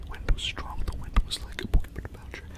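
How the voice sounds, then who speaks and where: A man speaking in a breathy, unvoiced ASMR whisper, rambling through semi-intelligible storytelling. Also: fairly quick. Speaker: ASMR video creator.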